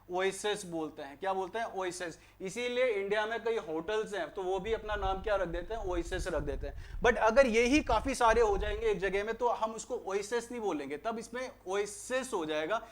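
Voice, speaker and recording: A man's voice: sits high, normal speed, hardly any pauses. A young man with an Indian accent teaching an online grammar lesson, mixing English into Hindi and firing rhetorical questions at students before answering them. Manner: mixes English phrases into Hindi explanations.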